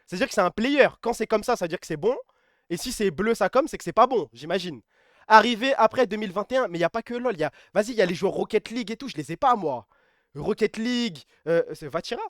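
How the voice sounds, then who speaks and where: A man live-streaming in casual chat, excitable and emphatic, repeating himself and swearing freely. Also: sits high, fast, dry recording, clean studio sound.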